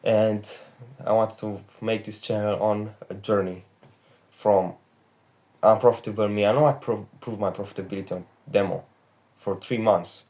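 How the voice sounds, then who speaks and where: A Romanian-accented 18-year-old from Romania talks in a lowish, slightly mellow voice, filming himself on a phone's back camera in his bedroom. His trading vlog is a rambling, profane, candid confessional.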